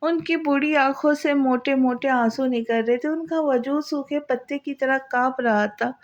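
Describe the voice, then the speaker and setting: A woman's voice: sits high, highs cut off. A woman narrating an Urdu novel as an audiobook in an emotional, dramatic way. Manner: emotional, voices the characters' cries.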